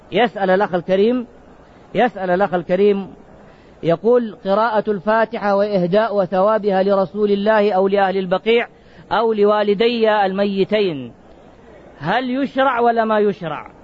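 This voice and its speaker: A man preaching with a high voice, on a muffled, lo-fi recording. He keeps asking his listeners questions and answers them himself. He slows down hard and stretches out the words he wants to stress. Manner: questioning, drawn-out emphasis on key words. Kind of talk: sermon.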